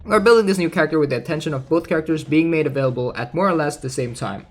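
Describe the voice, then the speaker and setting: A gaming content creator reads out game news over background music, offering casual commentary and thinking aloud informally. His voice is a little high and he talks very fast.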